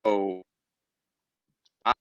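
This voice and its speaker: A man's voice: very slow, no room sound. A man on an online call, questioning with a skeptical manner while his voice breaks up and cuts out. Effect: voice breaking up over an online call. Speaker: call participant. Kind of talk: casual group discussion. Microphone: remote call microphone. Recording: dry, dull lo-fi call audio.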